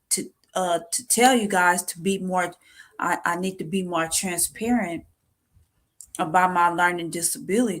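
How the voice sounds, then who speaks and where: Halting, tearful young woman vlogger. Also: medium pitch. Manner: halting, repeats words, emotional. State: near tears. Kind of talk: personal confessional vlog.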